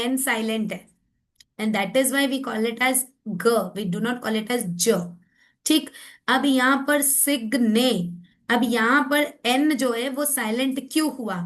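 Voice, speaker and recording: A woman phonics teacher explains spelling rules in an unhurried lecture. Her voice sits a little high, and she says each example word slowly and deliberately. She keeps asking whether the concept is clear. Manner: mixes Hindi and English, repeats and checks understanding. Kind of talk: classroom-style lecture.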